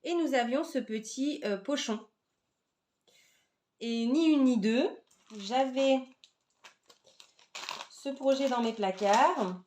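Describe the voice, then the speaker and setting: A woman hosting an embroidery vlog, chatting casually with many fillers and often sinking to a soft murmur. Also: high voice, slow pace, long pauses, slight background noise. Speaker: Flosstube host showing embroidery projects. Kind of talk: casual chat.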